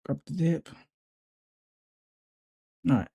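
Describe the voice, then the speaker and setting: Man, deep dark tone, relaxed tutorial narrator who thinks aloud. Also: slow. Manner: relaxed, thinking aloud with fillers and self-corrections. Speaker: YouTuber walking through a code editor setup. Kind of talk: casual screen-recording tutorial.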